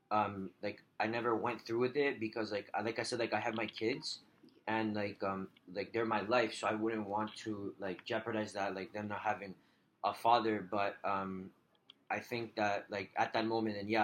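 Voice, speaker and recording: A man playing the client in a role-played telephone counselling conversation, talking haltingly with many fillers. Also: fairly low pitch, fairly bright tone, highs cut off. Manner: halting, hesitant, heavy use of filler 'like'.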